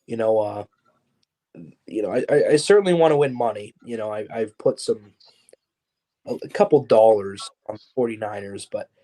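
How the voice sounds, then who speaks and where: A man co-hosting a sports podcast, speaking casually and haltingly, filling gaps with "you know" and restarts. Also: fairly low pitch, warm tone. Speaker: podcast co-host.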